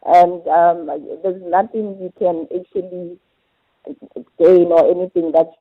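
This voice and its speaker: A woman's voice: fairly low pitch, sing-song, vocal fry, slightly rough, no room sound. Hesitant woman over the phone. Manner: hesitant, halting. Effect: over the phone, on speakerphone. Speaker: charity foundation team member. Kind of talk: radio phone-in interview. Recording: muffled, distant phone line.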